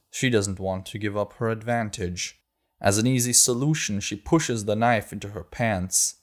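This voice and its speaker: A man narrating an audiobook in a measured, steady way. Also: on the low side. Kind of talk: scripted narration.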